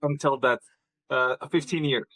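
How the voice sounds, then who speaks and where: A man's voice: medium pitch, steady tone, a little slow, fairly bright tone, dry recording. Hesitant man from Kazakhstan. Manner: hesitant, many ums and restarts. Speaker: podcast guest. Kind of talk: conversational interview.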